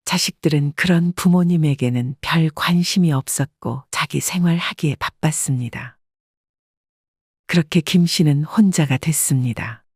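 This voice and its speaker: A storyteller giving a measured, scripted audiobook narration in an even delivery. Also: mid-range voice, husky, no echo, studio quality.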